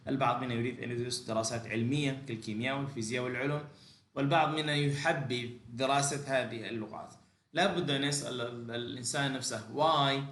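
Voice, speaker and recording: A male language teacher gives a bilingual lecture in a mid-range, slightly bright voice with a reverberant sound. He shifts between halting English and rapid explanations packed with fillers and restarts.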